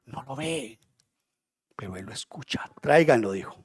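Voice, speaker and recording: A man's voice: mid-range voice, expressive, unhurried, breathy edge, dry recording, clean studio sound. Impassioned man preaching a sermon. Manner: impassioned, shifts from hushed to loud. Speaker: pastor. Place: church.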